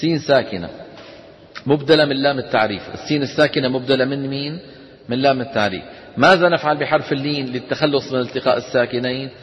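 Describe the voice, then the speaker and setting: A man teaching a tajweed class, questioning his students and chanting verse lines slowly. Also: mid-range voice. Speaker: Quran recitation teacher. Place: lecture hall with students. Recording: dull lo-fi lecture recording in a reverberant hall with faint noise.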